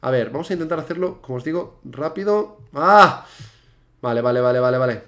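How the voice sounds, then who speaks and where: A young man giving casual let's-play commentary as a gaming YouTuber. He is chatty and excitable, and he repeats words in rapid bursts. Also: mid-range voice.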